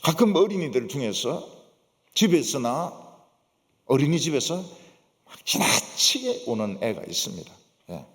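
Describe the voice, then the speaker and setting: A man's voice: mid-range voice, very animated, unhurried, pauses often, fairly bright tone. A male pastor with a Gyeongsang accent preaching in a church, emphatic and full of rhetorical questions and affirming asides. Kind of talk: sermon. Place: church sanctuary. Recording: long church reverb.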